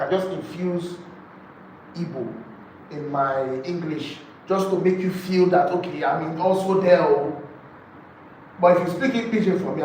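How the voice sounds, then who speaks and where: A man's voice, on the high side and a little mellow, carries a Nigerian accent as he trains a group live in real estate sales. He's emphatic, repeating key phrases and asking rhetorical questions, picked up by a distant mic in an echoey room with faint noise.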